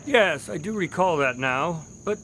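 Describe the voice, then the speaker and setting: An actor playing an earnest, loyal doctor and detective's sidekick in an audio drama, speaking in a polite, formal, expressive way. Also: male voice, on the high side, measured pace, background noise. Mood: puzzled, shocked.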